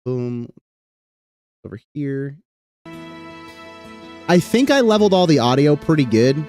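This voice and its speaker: Young guy streaming, rambly and full of ums, swears a lot, mid pitch, bit of music behind. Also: big pitch swings, takes it slowly, a little mellow. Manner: rambling, filler-heavy, swears casually. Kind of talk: casual live-stream chat.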